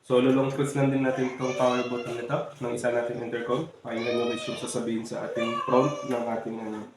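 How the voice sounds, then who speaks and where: In a very echoey room with faint noise behind him, a Filipino man casually demonstrates a product step by step and frequently speaks to his viewers. His mid-range voice stays level, and his pace is quick.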